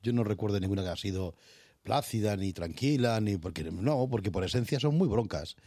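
Male host moderating a political panel, husky and measured, dry close sound. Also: lowish voice, animated, warm tone, no room sound.

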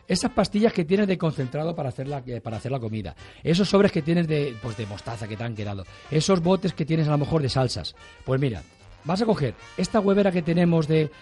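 A male radio host talks on in a chatty, rambling way, circling back and repeating himself as he sells a tip. His voice sits a little high for a man. Soft music plays under the studio talk. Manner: chatty, rambling, warm-hearted repetitions. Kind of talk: lively radio chat and home tips.

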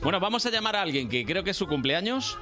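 A man's voice: high voice, sing-song, fast. A man hosting a radio morning show with casual, playful, teasing and exclamatory chat, recorded in a studio. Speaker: radio host. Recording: music playing behind.

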